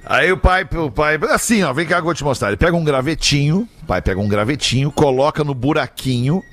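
A man, co-hosting a comedy chat and telling jokes in a playful, teasing, expressive way. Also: a little high, fairly quick, slight background noise. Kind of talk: casual comic chat and joke telling.

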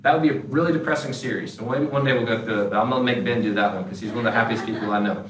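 A man's voice: on the low side, racing. Man preaching in a roomy church. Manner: conversational, animated preaching with acted asides. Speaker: pastor. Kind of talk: sermon. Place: church sanctuary. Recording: roomy, distant church recording with faint background noise.

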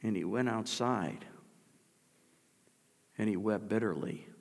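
A man's voice: on the low side, takes it slowly, creaky, in a large hall. A male pastor preaching a sermon, explaining the text and asking rhetorical questions of the congregation.

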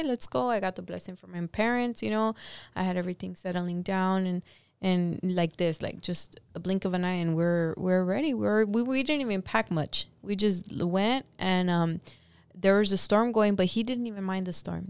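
A woman hosts a casual conversation and tells a story with animated energy, slipping into the quoted lines. Her voice is smooth and clean. The sound is close and dry. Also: medium pitch, dry recording. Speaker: host.

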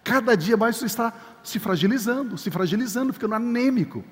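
Older male pastor, high voice, emphatic sermon delivery with repeated words, echoing church hall. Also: animated, fast talker. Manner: emphatic preaching, repeats key words, acts out church members. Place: church sanctuary.

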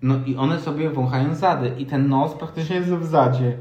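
A man's voice: a little high, normal speed, a little mellow, highs cut off. A young man co-hosting a casual chat, musing aloud with half-serious, sarcastic theories. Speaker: podcast co-host. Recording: echoey room.

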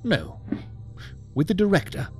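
A condescending male intelligence operative for a sci-fi radio drama. His fairly high voice rises and falls dramatically over stilted, over-precise phrasing. Music is clearly heard behind him. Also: wildly swooping pitch, unhurried, heavily acted. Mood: guarded, formal. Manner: stilted, pedantic, elaborately precise diction. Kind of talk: science fiction audio drama acting.

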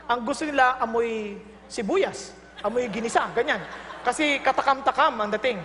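A woman's voice: fairly high pitch, moderate pace, fairly bright tone. A woman with a Filipino accent preaching a sermon, joking, laughing and acting out little scenes. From Philippines. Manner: humorous, laughing, acts out quoted dialogue. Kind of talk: sermon in Tagalog and English. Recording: long reverb, faint ambient noise.

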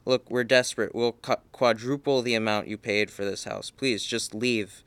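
A man's voice: medium pitch, fairly even intonation, normal speed, fairly bright tone, smooth, no echo, close to an everyday voice. A man reading aloud, voicing a desperate male neighbor who pleads with the family to leave. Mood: pleading. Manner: urgent, pleading.

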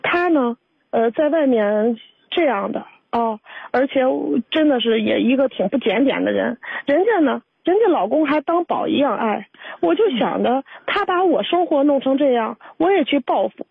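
A woman calls in to an advice show and tells her grievance in a rambling, hesitant way, often restarting her sentences. Her voice sits a little high and sounds gravelly and husky. It comes over a dry, tinny phone line. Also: animated, normal speed, no room sound. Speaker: caller. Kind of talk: call-in confession.

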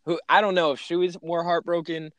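A man's voice: a little high, level tone, a little fast, fairly bright tone, no room sound. A man from Philadelphia co-hosting a sports podcast, chatting casually.

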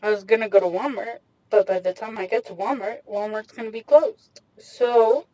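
A woman's voice: mid-range voice, steady tone, moderate pace, dark tone, no echo, rough recording. A young woman talking casually and self-mockingly into a microphone in her small parked car, rambling in slangy talk. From Mexican heritage. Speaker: vlogger. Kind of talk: casual chat. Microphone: handheld USB microphone.

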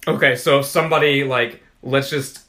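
A man's voice: mid-range voice, fairly even intonation, normal speed, pushed and bright. A man co-hosting a podcast in casual chat, rambling with lots of fillers and restarts. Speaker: podcast co-host.

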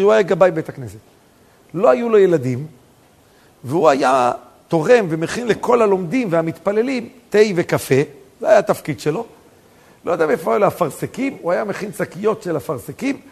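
A male rabbi preaching a sermon full of stories, telling them with animation and rising to near-shouts for emphasis. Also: sits high, creaky, husky.

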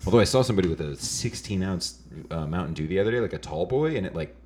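A man with a very low voice, full of lively swings in pitch. He trades wry jokes in a relaxed podcast chat. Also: quick pace. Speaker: podcast guest.

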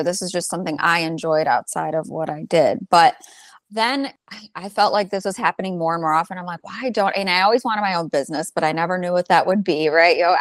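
Low-voiced chatty woman. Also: dry recording. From Albanian heritage. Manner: chatty, laughs often, many fillers. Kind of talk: conversational interview.

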